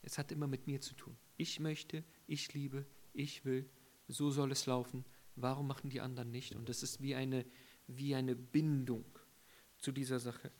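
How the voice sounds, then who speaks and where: A man giving a conversational Bible teaching, asking rhetorical questions and using everyday examples, with frequent hesitations and swings from loud emphasis to quiet, near-whispered asides. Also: mid-range voice, level tone, normal speed. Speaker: preacher.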